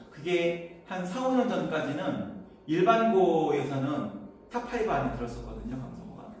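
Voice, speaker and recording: A middle-aged man, an academy instructor, giving an info session to parents in a chatty, anecdotal way, pushing his voice higher to carry. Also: a little mellow, a little hiss or hum. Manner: chatty, anecdotal, raises pitch to project. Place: lecture room. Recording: distant mic, very echoey hall.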